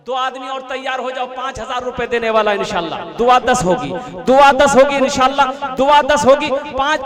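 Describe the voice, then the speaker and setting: A male preacher giving a fundraising sermon at a religious gathering, repeating his appeals in a rhythmic way and leading slogans. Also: very high voice. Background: crowd responses.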